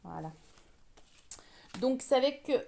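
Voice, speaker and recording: A woman with an English accent, native English speaker, giving a relaxed card-making tutorial and chatting as she works. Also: high voice, gravelly. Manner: chatty, slow, talks while working with hands. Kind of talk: crafting tutorial.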